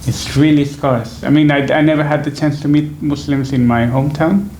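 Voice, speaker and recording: A man's voice: fairly high pitch, steady tone, moderate pace, darkish tone, slight background noise. A man in his twenties from Venezuela, answering interview questions in a thoughtful, hesitant way with many fillers and restarts, seated indoors at a stand microphone. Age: 20s. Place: small indoor room, seated on a sofa. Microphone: stand microphone in front.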